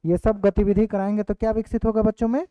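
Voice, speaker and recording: A male teacher giving an online exam-prep class, dictating points slowly and repeating each one. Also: sits high, level tone, mellow, clear, resonant tone, no echo. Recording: dry, phone-like lo-fi audio.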